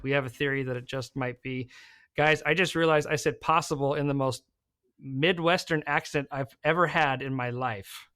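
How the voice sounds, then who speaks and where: A man's voice: medium pitch, steady tone, moderate pace, a bit bright, clear, resonant tone. A man hosting a podcast, talking in an easygoing, joking way. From American Southwest desert. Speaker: podcast host. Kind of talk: casual podcast chat.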